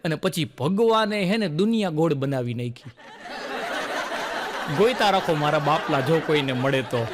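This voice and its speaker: A man's voice: fairly high pitch, animated, moderate pace, very noisy. A male stand-up comedian, telling folksy jokes and acting out the lines of his characters.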